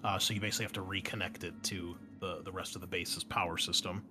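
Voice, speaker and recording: Talking fast in a low, flat voice over music, a man runs a tabletop roleplaying game as host and game master, keeping it casual, conversational and explanatory. He's recorded on a close mic with a pop shield against a clearly noisy background.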